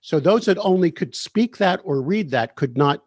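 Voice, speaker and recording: A man's voice: high voice, lively intonation, moderate pace, husky, dry recording. A man hosting an interview, leading his guest with friendly questions that seek confirmation. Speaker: interviewer, host. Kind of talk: conversational interview.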